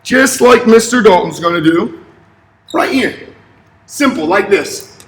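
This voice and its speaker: High-voiced young man teaching kids in echoey gym. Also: lively intonation, slow. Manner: upbeat, encouraging, simple short directions to kids. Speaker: elementary physical education teacher. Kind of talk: instructional fitness demonstration for children. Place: large empty indoor school gymnasium. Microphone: camera a few steps away. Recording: echoey gym, distant camera mic.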